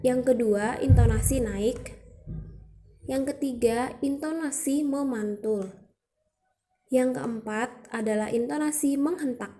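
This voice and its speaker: A woman's voice: sits high, slow pace, long pauses, warm tone. A young woman presenting a student educational video, explaining patiently step by step and demonstrating sounds aloud.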